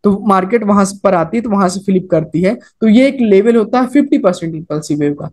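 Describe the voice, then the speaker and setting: Fast and lively in intonation, a man with a high, darkish voice teaches a trading lesson over a chart he's screen-recording. His delivery is casual, peppered with English trading terms, repetitive, and punctuated by "okay" and "right?".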